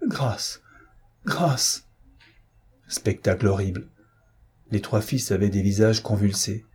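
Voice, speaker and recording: A man narrating an audiobook in a measured, grave storytelling manner. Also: lowish voice, flat delivery, dark tone, slightly rough. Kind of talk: scripted narration.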